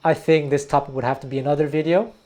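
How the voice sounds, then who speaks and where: Speaking at a quick pace with a steady tone, a man with a slightly high, slightly mellow voice delivers an educational history talk. He teaches music, hosts videos, comes from Quebec, Canada, and grew up speaking Taiwanese; his manner is thoughtful and digressive, with many restarted words.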